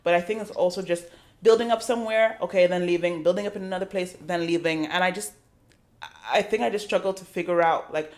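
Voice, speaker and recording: A woman's voice: on the low side, steady tone, fast talker. A young woman from Nigeria, a podcast guest, telling her own story in a casual interview, reflective and full of fillers.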